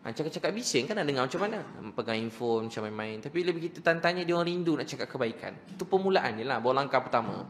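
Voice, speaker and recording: A man with a Malaysian Malay accent giving a religious lecture to an audience, telling emotional stories that swing from hushed to loud, with quick, animated, repetitive phrasing. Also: medium pitch, a little hiss or hum. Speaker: preacher.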